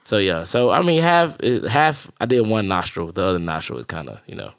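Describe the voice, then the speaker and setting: Chill guy on a podcast, kinda stuffy nose from a cold, lowish voice, bounces all over. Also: sing-song, a little fast, gravelly, no room sound, studio quality. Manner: laid-back, profane, laughs often. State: slightly nasal from a cold. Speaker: podcast co-host. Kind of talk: casual podcast chat.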